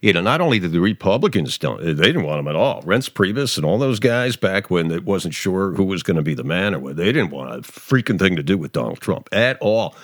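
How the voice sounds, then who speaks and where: A low-voiced man hosts his daily podcast with a lively, swooping delivery. He rambles sarcastically, restarting sentences and tossing in fillers. The sound is dry and close to the mic. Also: brisk, few pauses, no echo. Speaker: podcast host. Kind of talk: opinionated talk podcast monologue.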